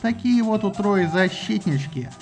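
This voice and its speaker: A man's voice: high-pitched, steady tone, a little fast, mellow, faint music behind, natural voice. A man voicing a fierce female war goddess in an audiobook, shrieking and sarcastic. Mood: snide.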